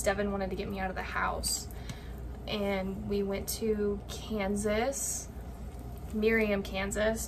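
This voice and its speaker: A woman's voice: mid-range voice, distant mic. Chatty young woman cooking in her kitchen. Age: young adult. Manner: chatty and rambling, many likes and ums. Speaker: vlogger. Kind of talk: casual chat while cooking. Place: home kitchen, indoors. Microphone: camera on the counter. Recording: off-mic with clear room noise.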